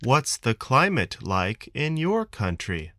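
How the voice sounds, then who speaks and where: American man asking textbook questions slowly. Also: mid-range voice, sing-song, a bit bright, no room sound, studio quality. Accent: General American. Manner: clear, deliberate enunciation for learners. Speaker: textbook dialogue reader. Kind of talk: slow scripted textbook reading.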